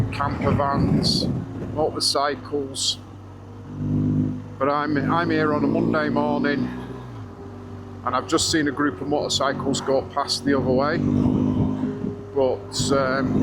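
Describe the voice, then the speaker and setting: A man's voice: medium pitch, level tone, loud music behind the voice. A man giving a musing running commentary as he rides a motorcycle along an open mountain road, speaking through a helmet-mounted mic. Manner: musing, unhurried ride commentary. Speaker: motorcycle vlogger. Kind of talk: running commentary while riding. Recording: loud wind noise through helmet mic.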